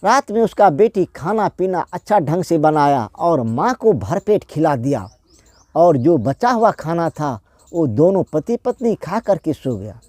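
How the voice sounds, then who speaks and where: Slow, mellow male storyteller. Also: fairly high pitch, big pitch swings, no echo, studio quality. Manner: plain, repetitive retelling with restarts. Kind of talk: told folk tale.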